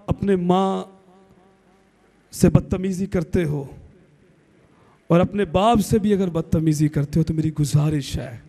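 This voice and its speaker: Give me an impassioned high-voiced male pastor. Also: gravelly, warm tone. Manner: impassioned, emphatic appeals. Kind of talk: sermon.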